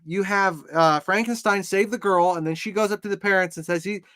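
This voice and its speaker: A man's voice: high voice, brisk, fairly bright tone, dry recording. A man co-hosting a casual movie podcast, retelling scenes with wry, dry jokes. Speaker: podcast co-host.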